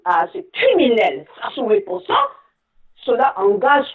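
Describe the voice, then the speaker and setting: A woman from the Republic of the Congo calling in to a radio show, speaking with indignation, often pausing on fillers and rising to near-shouting. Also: on the high side, very animated, reverberant. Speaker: caller. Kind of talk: impassioned call-in commentary. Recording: tinny distant phone line.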